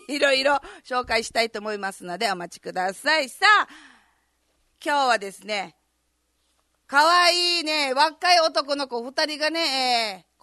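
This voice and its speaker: A woman hosts a casual live radio show. Her voice is fairly high and bright, yet hoarse and gravelly. She chats directly to listeners, and the studio sound is very dry. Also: no room sound. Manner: chatty, addresses listeners. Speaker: radio host.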